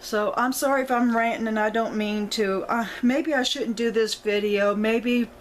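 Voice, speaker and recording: A woman's voice: mid-range voice, a bit bright, slight background noise, poor audio. A middle-aged woman, talking to her viewers in a rambling, apologetic way, close to tears. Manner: rambling, apologetic, self-correcting. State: emotional, on the verge of tears. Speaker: vlogger. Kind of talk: casual personal talk to viewers.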